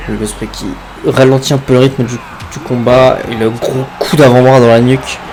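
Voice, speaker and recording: Excitable male wrestling commentator over background noise. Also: medium pitch, moderate pace, rough recording. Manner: exclaims loudly at big moves.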